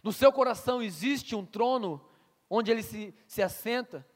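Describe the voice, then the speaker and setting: A man's voice: sits high, normal speed. A man preaching a sermon as pastor, asking the congregation questions and restarting words as he goes. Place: church hall with long reverb. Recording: reverberant church hall.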